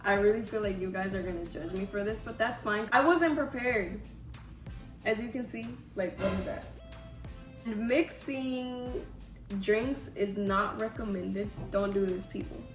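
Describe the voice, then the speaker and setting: A woman's voice: medium pitch, unhurried. A woman in her twenties talks to viewers in an informal, self-deprecating vlog style. Her mid-range voice sounds affected by a cold. The room is echoey, and music plays underneath. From Houston, Texas, USA. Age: 20s. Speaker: vlogger. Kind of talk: casual chatty Q&A to viewers.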